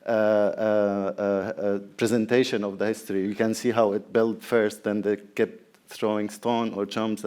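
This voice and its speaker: A man from Syria, an artist giving a presentation talk, relaxed and thinking aloud with frequent fillers. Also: on the low side. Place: public talk venue.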